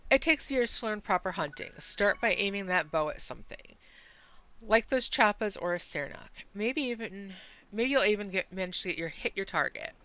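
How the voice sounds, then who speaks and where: A woman's voice: mid-range voice, expressive, moderate pace, sharp tone, muffled recording. A woman reading aloud the lines of a stern solitary male hunter who guards the woods, in a dry, curt delivery close to her own voice.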